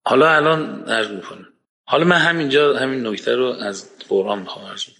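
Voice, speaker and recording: A man's voice: medium pitch, vocal fry, a bit bright. A man giving an emphatic, argumentative lecture and reciting verses from the Quran. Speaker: speaker giving a religious-political talk. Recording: long hall reverb.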